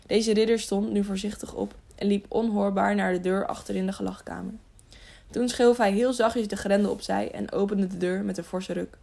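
A woman's voice: mid-range voice, fairly even intonation, normal speed, vocal fry, dark tone. A woman narrating an audiobook, reading steadily with small slips.

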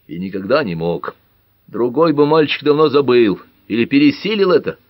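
Guy doing a slow serious grey-haired dad in an audiobook, raised voice, dry sound. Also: medium pitch, dry recording, highs cut off, voice pushed up, lightly acted. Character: tall grey-haired older father, measured.

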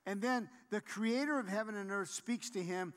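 A man preaching in a slightly high voice, emphatic and repeating his key points for his listeners. He builds to exhortation at moments. His words ring out with the long reverb of a large church hall. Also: normal speed, smooth. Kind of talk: sermon.

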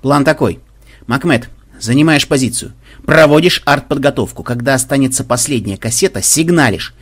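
A man's voice: mid-range voice, moderate pace, lightly acted. A man voicing a stern male squad leader who gives clipped, commanding orders.

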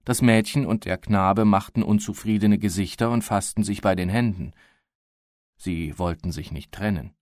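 A man reading a classic story aloud in a measured, calm studio narration. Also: fairly low pitch, no room sound. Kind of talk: scripted literary narration.

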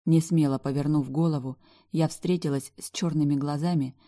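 A woman narrating a first-person romance novel, wry and emotional in her telling. Her voice is low and dark, mellow in tone. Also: fairly even intonation, normal speed. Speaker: audiobook narrator.

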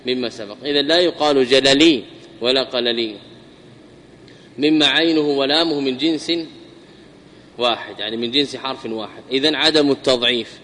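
A man teaches a grammar lesson in a bright, forceful voice. He repeats his examples slowly and asks his students questions. The sound rings with a long hall reverb. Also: medium pitch. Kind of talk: classroom lesson.

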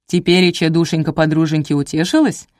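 A woman's voice: low voice, fairly even intonation, a little fast, darkish tone, no echo, clean studio sound, lightly acted. A woman voicing a sly old male village sorcerer who swindles people, with a sing-song, falsely sweet folksy patter. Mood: wheedling.

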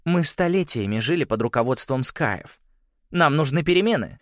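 Male narrator doing a blunt scornful noble girl, high and forceful. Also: animated, normal speed, no echo, clean studio sound. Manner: blunt and contemptuous.

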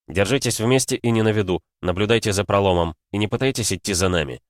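A terse, commanding admiral, as a man reading an audiobook puts him on. He snaps out short orders in a lowish voice. The recording is dry and close. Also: quick pace, no echo, lightly acted. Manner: curt orders, shouting.

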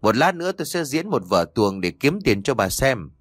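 A man voicing a scheming, idle village husband who talks in a gruff, grumbling way. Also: medium pitch, big pitch swings, normal speed, no room sound, studio quality.

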